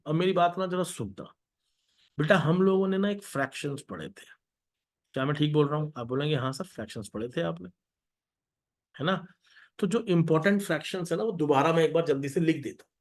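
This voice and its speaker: An Indian male math teacher running a live online class, with a fairly high voice. He coaxes his students along and repeats his instructions.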